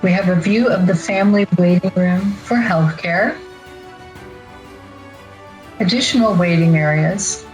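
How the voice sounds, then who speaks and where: Low-voiced woman, formal presenter. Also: darkish tone, soft background music, poor audio. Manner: measured, formal, deliberate phrasing. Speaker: outgoing chapter president presenting. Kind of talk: formal award-ceremony introduction.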